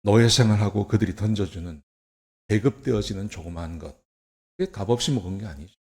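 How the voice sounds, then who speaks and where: Low-voiced Korean pastor preaching. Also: male voice, fairly quick. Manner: conversational preaching with rhetorical questions, swings from soft to emphatic. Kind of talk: sermon. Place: church.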